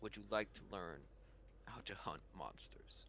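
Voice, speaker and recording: A man voicing a huge, imposing male Pirate King who speaks in a slow, low, measured way in a tabletop game. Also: bright, forceful tone, a little hiss or hum. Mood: grave.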